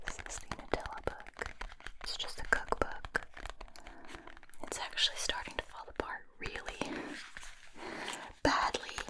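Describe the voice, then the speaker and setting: A woman whispering casually to viewers as an ASMR host, chatty and informal, in a breathy unvoiced voice close to the mic. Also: unhurried, long pauses, low-quality recording. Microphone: close Tascam recorder mic.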